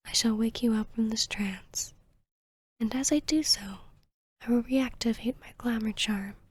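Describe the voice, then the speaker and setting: In a hypnotic ASMR roleplay, a woman takes the part of an arrogant, cruel, seductive vampire queen who teases and commands in a breathy whisper. Her voice sits on the high side with a darkish tone.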